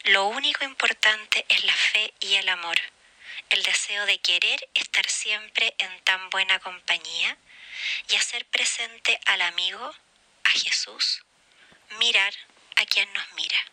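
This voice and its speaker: A woman giving an earnest spiritual reflection, often dropping into gentle whispered phrases. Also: mid-range voice, takes it slowly, no echo, low-quality recording.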